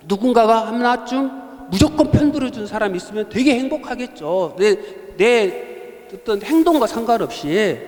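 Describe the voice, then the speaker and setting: A man's voice: very high-pitched, darkish tone, big-room sound. A man preaching at a Bible study, telling stories in a conversational way and asking the congregation rhetorical questions. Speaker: pastor. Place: church hall.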